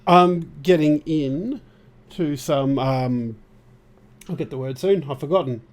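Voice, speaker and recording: A man's voice: on the high side, takes it slowly, darkish tone. A man chatting on a podcast, hesitant and playful. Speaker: podcast co-host. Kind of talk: casual chat.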